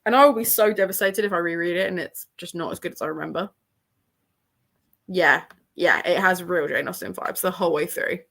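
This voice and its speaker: This English-accented book channel host speaks fairly quickly in a lowish, somewhat bright voice with vocal fry. Streaming casually from a room in her parents' home despite a sore throat, she rambles and chats, laughing frequently.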